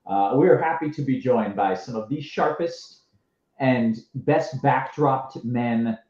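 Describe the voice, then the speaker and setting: A man's voice: mid-range voice, slow pace, darkish tone. Muffled, underwater-sounding male host on headset. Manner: laughs easily, loose and joking. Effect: muffled underwater-sounding headset mic. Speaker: show host. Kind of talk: casual live-stream sports chat. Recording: muffled echoey headset line.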